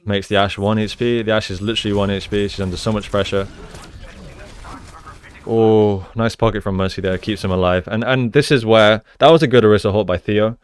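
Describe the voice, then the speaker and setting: Here a gaming coach and analyst, a man with a fairly low, fairly evenly intoned voice, talks fairly quickly while explaining each move of the gameplay. His style is chatty and instructive, and he frequently asks "right?".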